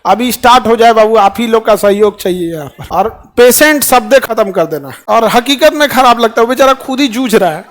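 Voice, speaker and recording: A middle-aged man with a Bihari Hindi accent, giving a lively, joking informal talk to an audience and often asking them questions. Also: extremely high pitch, brisk, few pauses. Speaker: teacher and public speaker.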